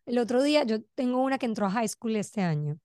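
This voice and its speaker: A woman in her forties hosts the interview in a chatty, easygoing way, with a slightly high voice. The sound is dry and close, with no room around her. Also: lively intonation, fast, dark tone, no room sound. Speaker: podcast host. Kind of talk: casual interview chat.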